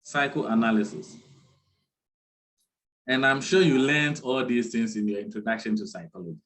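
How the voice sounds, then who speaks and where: A man giving an online lecture, speaking deliberately and repeating key terms for his students. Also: mid-range voice, fairly bright tone, poor audio.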